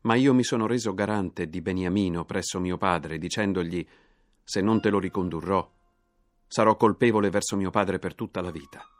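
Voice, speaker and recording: A man's voice: deep voice, moderate pace, no echo, close to an everyday voice. A man reading aloud as a brother earnestly begging to take another's place. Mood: pleading. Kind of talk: scripted reading.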